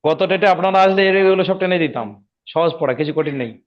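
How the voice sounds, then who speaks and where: A man teaching Quran reading rules in an online lesson, patiently repeating each rule and checking if his students follow. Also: on the high side. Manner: slows down and drawls when demonstrating recitation. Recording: dull lo-fi audio.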